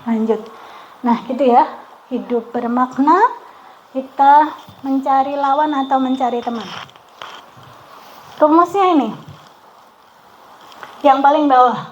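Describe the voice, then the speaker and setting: High-voiced woman leading a workshop. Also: slow, pauses often, highs cut off, a little hiss or hum. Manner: chatty, keeps asking the group "betul ya?". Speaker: psychologist leading a training session. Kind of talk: interactive workshop talk. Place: outdoor training venue.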